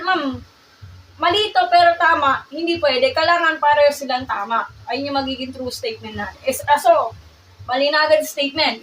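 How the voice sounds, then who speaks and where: Filipino woman math teacher, high and loud, emphatic, on a phone mic set back a bit, faint room noise. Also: distant mic, low-quality recording. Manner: loud and emphatic, repeats checks like "gets?" and "ha?". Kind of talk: live-streamed math lesson.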